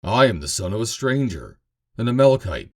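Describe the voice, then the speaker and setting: A man's voice: lowish voice, very animated, brisk. A man voicing an earnest young Amalekite messenger, declaiming his report in a scripture reading.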